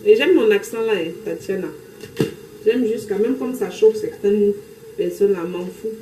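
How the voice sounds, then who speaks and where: A woman's voice: mid-range voice, normal speed, mellow, roomy sound, slight background noise, rough recording. A woman from Cameroon with a Cameroonian French accent, chatting casually with viewers on a live stream while cooking in her kitchen, greeting people by name. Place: home kitchen.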